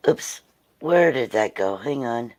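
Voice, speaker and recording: Slightly hoarse weather host talking real slow on a stream, lots of ums, dry close sound. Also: mid-range voice, lively intonation, a little mellow, no echo. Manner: slow, halting, frequent ums and throat clearing. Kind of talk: casual livestream explainer.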